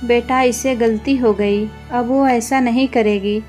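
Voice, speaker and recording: A woman voicing a sad, helpless old father who speaks softly to his family. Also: on the high side, fairly even intonation, unhurried, faint music behind, lightly acted. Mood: sorrowful. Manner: sorrowful, soft.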